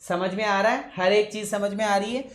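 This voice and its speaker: A man teaching English vocabulary in a classroom lecture, pausing often to ask his students whether they have understood, and deliberately slowing his usually fast speech. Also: high-pitched, fairly even intonation, fairly bright tone. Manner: keeps checking with students, calls them son. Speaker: English teacher for exam coaching. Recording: echoey room.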